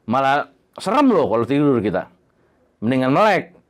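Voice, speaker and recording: A man telling his own horror story in a casual, slangy way. He swears freely and acts out the bangs and creaks he heard. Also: medium pitch, normal speed. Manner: animated, imitates sounds like bangs and creaks.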